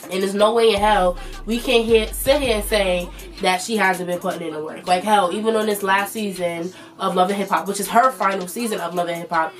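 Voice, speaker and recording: A woman's voice: mid-range voice, fairly even intonation, fairly quick, soft background music. A woman in her twenties with a stuffy, nasal voice, chatting loosely as a vlog host with plenty of fillers. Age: 20s. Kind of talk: casual commentary.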